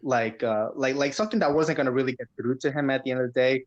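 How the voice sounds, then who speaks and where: A man's voice: mid-range voice, fast, dull audio. A man in casual conversation who laughs often, says bro, and fills with like.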